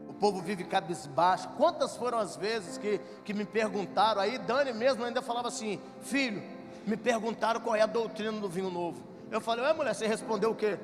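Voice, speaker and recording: A Brazilian man, a pastor, telling jokey stories in a sermon that builds to shouted preaching in a church. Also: sits high. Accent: Brazilian Portuguese. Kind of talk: sermon with storytelling. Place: church hall. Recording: reverberant church hall with music.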